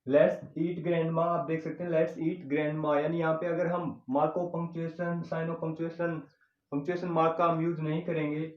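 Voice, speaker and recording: A man with an Indian English accent teaches grammar, dictating sentences very slowly, word by word, as he writes. His voice sits a little high. The recording is echoey and dull, like a low-grade classroom video. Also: level tone. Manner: slow dictation while writing on a board, switching between Hindi and English. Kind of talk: grammar lesson. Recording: echoey room, dull lo-fi sound.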